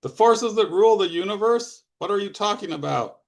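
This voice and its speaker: A man voicing an agitated, skeptical young man who protests loudly against mystical talk. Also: a little high, unhurried, gravelly. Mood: exasperated. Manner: exasperated, protesting.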